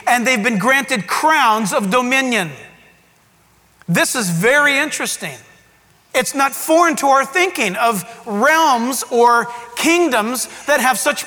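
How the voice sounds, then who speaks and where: A male pastor preaching with a very high, lively voice that swings up and down as he gets excited. His delivery is emphatic and full of rhetorical questions. The sound is bright and ringing, carried on a long hall reverb. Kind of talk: sermon.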